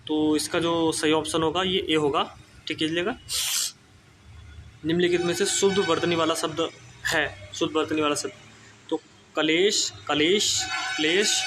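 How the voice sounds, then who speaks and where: A man's voice: a little high, noisy background. A man running an exam-prep spelling lesson, repeating each word several times and checking in with his students as he goes.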